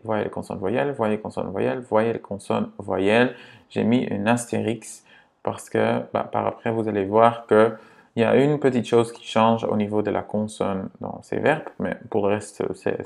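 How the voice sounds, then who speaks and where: A man teaching grammar to beginners, patient and repetitive, checking in often with a quick "ok?". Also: lowish voice, creaky. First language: Dutch. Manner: patient, repeats words and checks in with "ok?". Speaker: language teacher.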